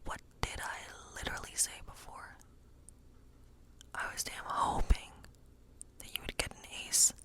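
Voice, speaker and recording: A woman whispers softly and breathily, unhurried and pausing often, as she plays a friendly witch reading tarot for ASMR. Her manner is relaxed, encouraging, and meandering.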